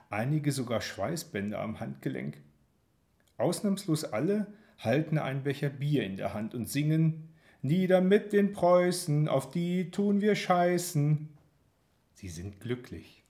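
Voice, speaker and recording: A man reads a first-person story aloud, measured and expressive. His intonation rises and falls in a very lively way, while his pitch sits in the middle. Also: gravelly. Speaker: narrator. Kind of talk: audiobook narration.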